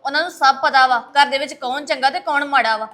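A woman's voice: high voice, bright, forceful tone. A woman playing an outspoken young daughter-in-law in a family web drama who argues back hard. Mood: defiant. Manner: rapid, argumentative.

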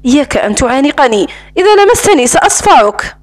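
A proud young woman, held captive, who answers her captor in a defiant, curt way, read by a woman in a high voice. Her lines come as part of a storybook reading, close to the reader's own voice. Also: sing-song, fast.

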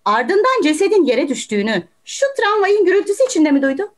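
A woman playing a calm juror who questions the evidence, speaking through a video call. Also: extremely high pitch, fast. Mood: earnest. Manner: reasoning, questioning, patient. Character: calm, persuasive juror doubting a guilty verdict. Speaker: juror in an online amateur play. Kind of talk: amateur video-call stage acting.

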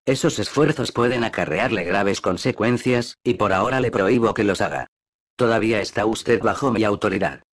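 A man's voice: lowish voice, expressive, normal speed. A man voicing a stern, kindly ship's doctor in an audiobook, firm and reassuring.

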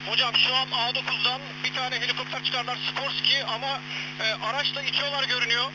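A man's voice: very high voice, level tone, a little fast. Man on crackling walkie-talkie radio. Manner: terse, clipped call-sign radio procedure. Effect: heard over a military walkie-talkie radio. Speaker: military pilot. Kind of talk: military radio transmissions. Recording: heavy radio static.

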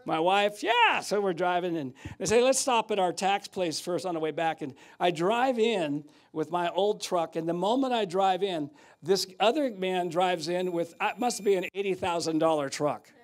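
An older man preaching a sermon in a church, telling stories and swinging from loud outbursts to hushed asides. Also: sits high, moderate pace. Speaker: guest preacher. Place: church sanctuary.

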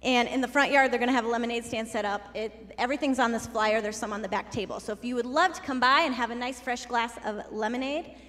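A woman giving a children's sermon, playful and chatty as she talks straight to the kids. Her voice sits high and bright. It trails off in the long reverb of a church sanctuary. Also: fast, hardly any pauses. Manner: playful, conversational, talking to kids. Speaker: children's message leader.

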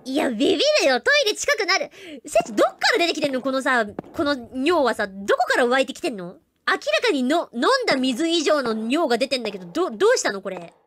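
Jittery, chatty high-pitched woman streamer. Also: very animated, fast, few pauses, fairly bright tone. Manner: jittery, chatty, self-mocking. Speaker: streamer playing a horror game. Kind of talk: live game commentary.

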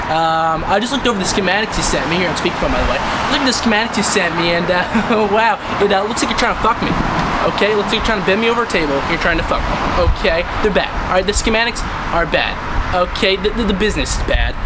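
This man leaves a rambling, blustering voicemail. His voice is high and swoops all over, and the words tumble out fast. There is noisy traffic behind him. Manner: blustery, rambling, half-laughing. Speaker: boss in a comedy sketch. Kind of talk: leaving a voicemail.

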